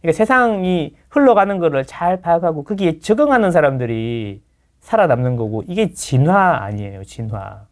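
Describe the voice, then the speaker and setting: A man who is a real estate lecturer, talking as a guest in a casual interview, lecturing with playful impressions of others and quick tag questions. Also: fairly high pitch, expressive. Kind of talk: casual talk-show interview.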